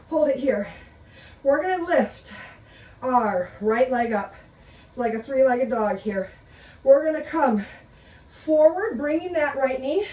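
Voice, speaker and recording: A woman's voice: sits high, a little mellow. A middle-aged woman teaching an exercise class, chatty and encouraging, out of breath as she talks through the moves. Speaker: exercise instructor. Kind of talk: live exercise class instruction. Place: room with a chair, exercising. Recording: echoey room, mic at a distance.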